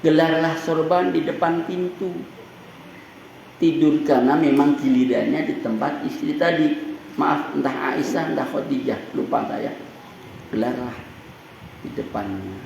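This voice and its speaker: Joking preacher gravelly voice. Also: male voice, on the high side, unhurried, pauses often, darkish tone, highs cut off. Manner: humorous, folksy, asks the audience questions. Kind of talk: sermon to women. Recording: echoey room with faint noise.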